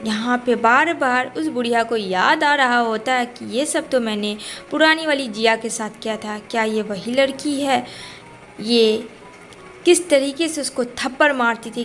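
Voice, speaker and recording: A woman's voice: a little high, fairly bright tone. A woman casually retelling a drama plot, chatty and talking to her viewers as friends. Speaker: drama recap narrator.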